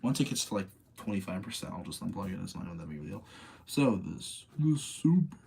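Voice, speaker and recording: With a low, sing-song, mellow voice touched by vocal fry, a man talks a bit quickly while hosting a live movie-rating stream. He chats casually, argues his own opinions back and forth, and repeats phrases for emphasis, with slight hiss or hum audible.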